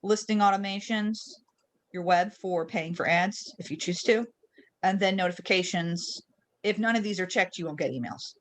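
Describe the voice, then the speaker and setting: Speaking at normal speed in a fairly low voice, a trainer runs an online software webinar via screen share. Her style is informal and conversational, walking through every step and pausing to ask participants check-in questions.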